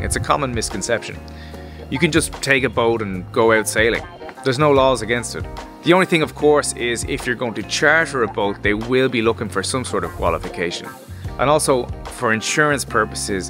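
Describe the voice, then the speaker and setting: A man's voice: mid-range voice, sharp tone. A man, talking through a sailing vlog in a casual, conversational way, gesturing as he explains. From Ireland. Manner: conversational, gestures while explaining, fillers like "like" and "you know". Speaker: sailing vlogger. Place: outdoors by a stone wall.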